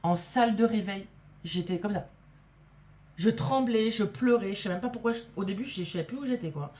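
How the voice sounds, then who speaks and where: This woman's voice is medium in pitch, a little mellow, and slightly fast. Telling a casual story to camera as a vlogger, she gets emphatic and indignant, swears freely, and acts out whoever she quotes.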